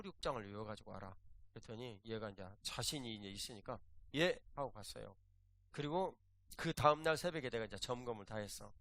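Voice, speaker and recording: A man, a pastor, preaching a sermon and telling a story, acting out the lines of the people in it. He was recorded in a church. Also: mid-range voice. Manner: animated anecdote with quoted voices. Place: church sanctuary.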